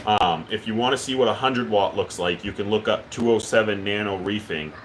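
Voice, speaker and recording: A man with a fairly low voice hosts a live stream, speaking fairly quickly over slight background noise. He's relaxed and rambling as he reads chat, with plenty of ums and uhs.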